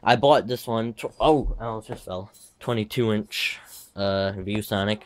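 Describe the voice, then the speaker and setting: At an unhurried pace and fairly low pitch, a teen boy with a slight retainer lisp shows his bedroom gaming setup on a handheld camera. The tour is offhand and meandering, full of asides where he corrects himself.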